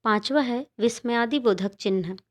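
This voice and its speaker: A woman teaching a grammar lesson to children, explaining slowly and patiently step by step. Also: on the high side.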